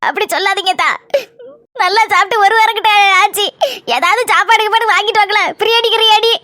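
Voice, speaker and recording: A woman voicing a vain, sharp-tongued pregnant young wife in a comic cartoon, with a Kanyakumari Tamil accent and a scornful, whiny manner. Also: very high-pitched, quick pace, dry recording.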